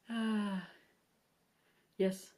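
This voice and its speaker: A young woman chatting casually to camera at home, rambling and giggly, with English not her first language. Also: mid-range voice. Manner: rambling, giggly, self-deprecating. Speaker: vlogger. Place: home, sitting at a low table.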